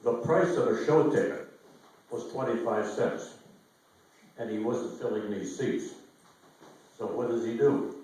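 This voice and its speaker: An older American man hosting an event, telling local history in a folksy, halting, informal way to a live audience. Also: medium pitch, a little mellow. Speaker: host. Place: inside an old theater, amplified to an audience. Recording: echoey theater hall, distant microphone.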